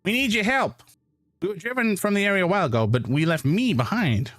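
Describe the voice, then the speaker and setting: A man voicing a tiny, cheeky ant from a hive mind in a squeaky little voice, as he reads a fantasy game aloud. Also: lively intonation, brisk, a bit bright, dry recording. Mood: earnest. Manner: cheeky, defensive, talks of itself as we. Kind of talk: voicing a game character while reading aloud.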